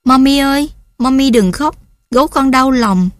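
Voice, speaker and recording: A woman voicing a three-year-old child who pleads in a high, childlike voice. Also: moderate pace, dry recording, studio quality, natural voice. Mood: pleading.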